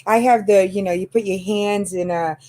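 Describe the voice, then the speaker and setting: Chatting about makeup as host of her channel, a woman in her fifties laughs often and leans on fillers. She has a medium-pitched, dark voice, steady in tone and moderate in pace.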